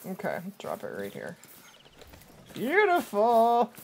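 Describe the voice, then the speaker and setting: A creaky, fairly high voice with huge pitch swings takes its time over a little hiss or hum. It belongs to a woman in her thirties livestreaming gameplay indoors, chatting casually to viewers and to the game while a cold steals her voice.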